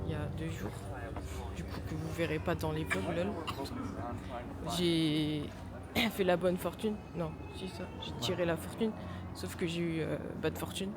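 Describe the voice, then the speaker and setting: A woman from France with a hoarse, raspy smoker's voice from a sore throat, chatting informally in a casual vlog. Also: on the low side, steady tone, a little slow, over loud music. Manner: informal, slangy. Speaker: travel vlogger.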